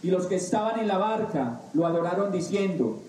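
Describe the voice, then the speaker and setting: A man preaching a sermon, slow and emphatic with dramatic pauses. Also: high voice, lively intonation, dark tone, distant mic, slight background noise. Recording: echoey room, voice off-mic.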